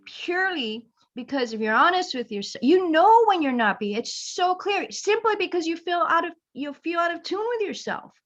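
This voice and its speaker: A woman's voice: very high voice, normal speed, few pauses. A woman talking as a guest in a casual conversation, rambling, laughing and acting out quotes with energy. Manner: rambling, laughing, animated quoting. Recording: slightly dull lo-fi audio.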